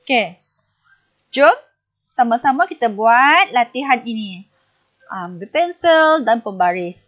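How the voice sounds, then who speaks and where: Slow, high-voiced woman teaching a lesson. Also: animated, highs cut off. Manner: patient, asks pupils questions and answers them herself. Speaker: primary school teacher. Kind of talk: recorded online lesson.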